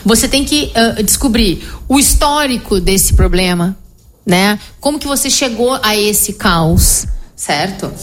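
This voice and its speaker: A middle-aged woman psychologist, explaining her method in an animated conversational interview, often tagging her sentences with "né?". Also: medium pitch, measured pace, slight background noise. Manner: explanatory, animated, frequent "né?" tag questions.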